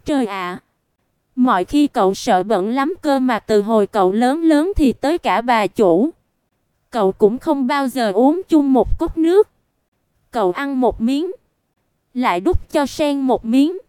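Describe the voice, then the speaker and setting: Slow, crystal-clear high woman narrator. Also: animated, a little mellow, no echo, clean studio sound. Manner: reads unhurried, voices characters' dialogue in turn. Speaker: audiobook narrator. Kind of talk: storybook narration with dialogue.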